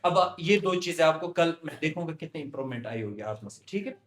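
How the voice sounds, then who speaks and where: A man teaching a Quran recitation class, patiently drilling his students and repeating words slowly. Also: on the high side, expressive, echoey room.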